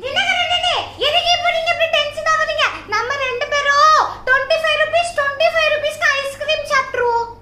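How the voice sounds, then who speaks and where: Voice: very high-pitched, brisk. A performer voicing a chatty, cheeky little girl in a children's Sunday school skit, who whines and talks back. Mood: whiny. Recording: echoey room with faint noise.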